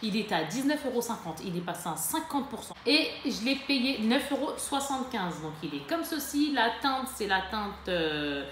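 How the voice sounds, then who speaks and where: A woman chatting casually to camera in a beauty haul, lively and full of fillers and self-corrections. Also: a little high, normal speed, few pauses. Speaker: beauty vlogger. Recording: echoey room with faint ambient noise.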